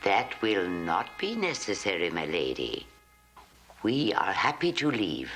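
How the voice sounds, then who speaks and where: An actress playing a dignified, resolute mother who speaks in a measured, formal way. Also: a bass voice, sing-song, a bit bright, faint music behind, full character voice. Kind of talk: period film acting.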